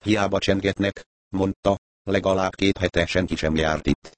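A man's voice: low-pitched, fairly even intonation, a little hiss or hum, close to an everyday voice. A man voicing a watchful old woman neighbour who speaks bluntly.

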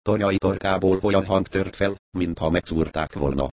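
A man narrating an audiobook in a steady, even storytelling manner. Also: deep voice, no room sound. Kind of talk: audiobook reading.

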